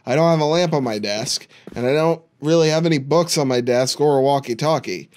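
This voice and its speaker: A man's voice: a little high, a little fast, darkish tone. A man giving casual, jokey commentary while playing a horror game, with dry sarcastic asides. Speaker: video game streamer.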